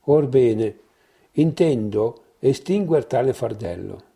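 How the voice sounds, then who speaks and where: A man's voice: medium pitch, expressive, slow pace, creaky, warm tone. A man voicing a sly young male painter who talks in raised, exclaiming phrases.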